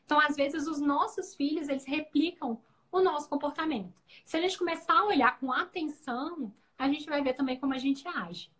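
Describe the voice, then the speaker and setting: A woman giving parenting advice in a casual live chat, animated, acting out parents' and children's voices. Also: high voice, a little fast. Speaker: guest parenting educator. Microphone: video call.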